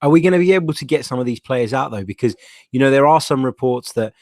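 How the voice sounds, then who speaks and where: Dry close recording, man, London accent, medium pitch, casual phone-in host, blunt and matey. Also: expressive, fast, darkish tone, no echo. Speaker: host of football fan phone-in. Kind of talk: casual live show presenting.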